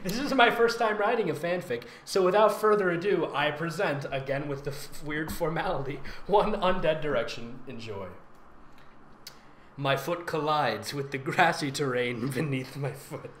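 A fanfic reader and voice actor hosts a reading, performing fan fiction aloud with mocking comedic commentary in a theatrical, sarcastic, giggly way. The voice is medium in pitch, animated, moderately paced, and fairly bright. The recording has a roomy echo and faint background noise.

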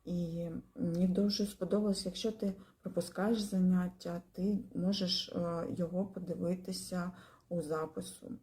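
A woman giving a spoken testimonial about her language course, pausing often with fillers and restarting her words. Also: fairly low pitch, steady tone, warm tone. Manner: hesitant, many fillers and pauses.

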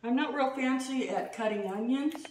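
A woman's voice: sits high, moderate pace. Middle-aged woman, home cooking host, chatty and self-deprecating, recorded from across a roomy kitchen with noise. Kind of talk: casual cooking demo. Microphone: far camera. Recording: roomy, distant, noisy.

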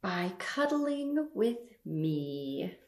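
A young woman's low-leaning voice is very animated as she reads picture books to toddlers, drawing out her words. She hosts storytime and asks simple questions with exaggerated emphasis. The setting is a small indoor room at home, and the webcam sound is roomy.

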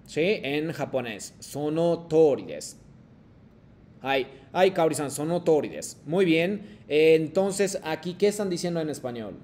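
A man teaching a Japanese class online, slowly modeling phrases for his students to repeat. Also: fairly high pitch, animated, darkish tone. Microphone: video call.

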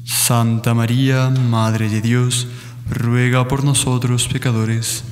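A man with an Ecuadorian accent giving slow, even responses to a recited rosary in a chapel. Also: medium pitch, faint music behind. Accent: Ecuadorian Spanish. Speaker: prayer respondent. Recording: roomy, echoey chapel, long reverb.

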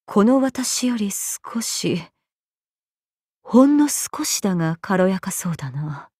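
A woman's voice: medium pitch, sing-song, a little mellow, breathy edge, dry recording, clean studio sound, full character voice. An actress playing a vengeful female gorgon monster in an anime game, imperious, cold and contemptuous. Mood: musing. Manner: imperious, cold, contemptuous, deliberate archaic phrasing. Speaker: voice actor. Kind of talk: scripted anime game character lines.

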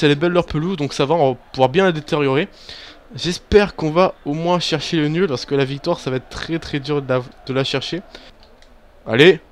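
A man giving casual, excitable commentary over a football video game, swearing and cheering at his players. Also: fairly high pitch. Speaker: gaming YouTuber. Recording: faint background music.

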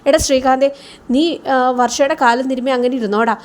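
A woman voicing a sharp-tongued middle-aged mother who scolds her grown son. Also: sits high, fairly even intonation, a little fast, lightly acted. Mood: scornful. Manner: scolding, exasperated.

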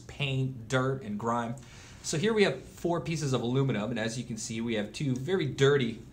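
Relaxed man explaining welding faults. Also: mid-range voice, slight background noise. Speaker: welding instructor. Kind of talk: instructional demonstration. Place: welding workshop.

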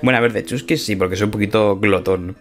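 A man's voice: on the low side, fast talker, soft background music. A man with a Spain Spanish accent hosting a casual gameplay video, chatty and playful, laughing often as he talks. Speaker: gaming let's-play host.

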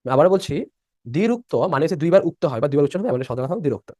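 A young male teacher runs a live online class, restating each rule and firing questions at his students. His voice sits a bit high and swings widely in pitch as he rushes along. The sound is dry and close. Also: big pitch swings, a little mellow, no echo. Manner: repeats points and quizzes students by asking questions. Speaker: admission-prep teacher.

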